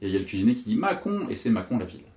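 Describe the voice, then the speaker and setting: A man teaching memory techniques in an animated, jokey way, telling vivid picture stories. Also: fairly low pitch, very fast, reverberant, highs cut off, a little hiss or hum. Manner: lively, animated, jokey storytelling with vivid images. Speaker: memory coach. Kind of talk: explanatory teaching monologue.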